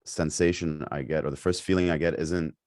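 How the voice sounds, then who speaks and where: Podcast guest: young man from Lebanon, very low voice, loose chatty delivery full of fillers. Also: fairly even intonation, fairly quick, darkish tone, no echo, studio quality. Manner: rambling, many fillers and restarts. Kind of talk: casual interview chat.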